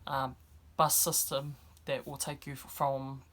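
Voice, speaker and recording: A woman's voice: very deep voice, level tone, unhurried, a bit bright. Young New woman. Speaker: vlogger. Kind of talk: casual vlog talk to camera. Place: indoors, speaking to camera.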